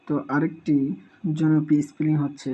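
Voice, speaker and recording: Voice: medium pitch, monotone, brisk, breathy edge. A teacher giving a spelling lesson, sounding out each word syllable by syllable and repeating it several times. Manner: drills words by repeating them syllable by syllable. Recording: dull lo-fi recording.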